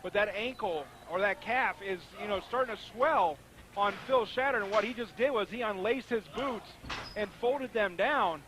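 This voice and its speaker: A man with a high voice provides live color commentary on wrestling. He sounds conversational and emphatic. He tends to repeat his phrasing as he makes a point. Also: normal speed, a bit bright.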